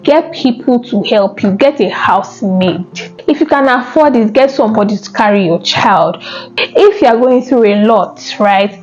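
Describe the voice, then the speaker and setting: A woman's voice: on the high side, moderate pace. A woman, telling a personal story and giving earnest advice to camera in a conversational way. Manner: earnest, conversational, asks viewers questions. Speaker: vlogger. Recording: slightly dull sound with faint background music.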